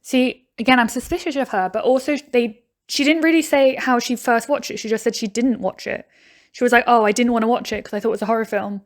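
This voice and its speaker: A woman's voice: on the high side, fairly even intonation, fast. Chatty woman thinking aloud. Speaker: YouTuber reacting to a game show video. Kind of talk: casual reaction commentary.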